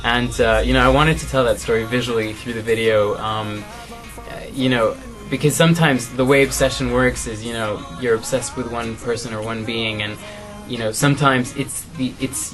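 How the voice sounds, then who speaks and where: A young man from Canada, a singer, answering interview questions in a relaxed, thoughtful way with many fillers. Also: medium pitch, normal speed, few pauses, faint music behind. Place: music studio, indoors.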